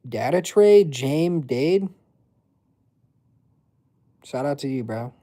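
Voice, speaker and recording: Here a man in his twenties hosts a livestream, reading messages from chat and rambling loosely in slang full of filler. He speaks slowly, with a warm, mid-range voice and lively intonation.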